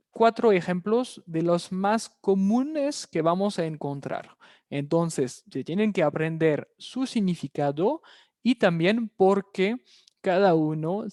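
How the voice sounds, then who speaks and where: A French teacher giving an online lesson, explaining step by step, repeating key words slowly for pronunciation and checking in with the class after each point. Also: medium pitch, darkish tone, no echo, clean studio sound.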